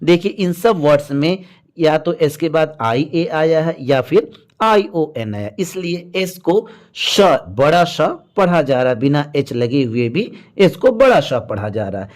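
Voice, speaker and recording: A man with a slightly higher voice gives a patient pronunciation lesson. He works through lists of words one at a time and corrects the usual mistakes as he goes. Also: expressive, darkish tone. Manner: patient, drills word lists slowly with corrections. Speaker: English pronunciation teacher. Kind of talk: explanatory lesson.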